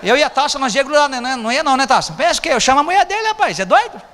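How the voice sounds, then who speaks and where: Lively high-voiced Brazilian pastor, echoing hall. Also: male voice, rapid-fire. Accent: Brazilian Portuguese. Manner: joking, chatty, teasing the congregation. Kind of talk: informal sermon. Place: church hall. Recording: echoey church hall, faint noise.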